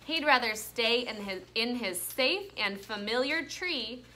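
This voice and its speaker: Her voice is a little high and expressive, with a sharp tone and a slightly slow delivery. This woman leads an elementary class through an interactive vocabulary lesson and read-aloud, frequently asking questions and checking in with the pupils in the classroom.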